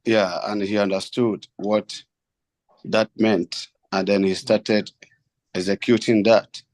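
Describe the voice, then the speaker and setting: A man asking a formal, reverent question as a devotee, deliberately, phrase by phrase. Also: fairly low pitch, little pitch movement, darkish tone, no room sound.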